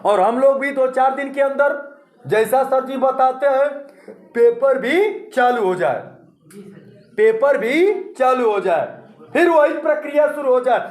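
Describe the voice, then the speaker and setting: High-voiced slow teacher, echoey. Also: male voice. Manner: rhetorical, asks and answers his own questions. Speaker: exam coaching teacher. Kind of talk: motivational exam-prep lesson.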